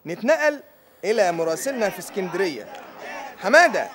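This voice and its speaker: An Egyptian anchor running a parody breaking-news broadcast. He speaks fast in a high voice, handing over to live reporters while a crowd sounds behind. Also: very animated. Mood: brisk, inquiring. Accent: Egyptian Arabic. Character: TV news anchor calling correspondents for live updates.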